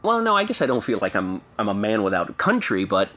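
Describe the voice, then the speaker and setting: Man, 40s, from Canada; low, reflective interview guest who hesitates and restarts a lot. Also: huge pitch swings, fast talker, bright, forceful tone. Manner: thoughtful, hesitant, many fillers and restarts.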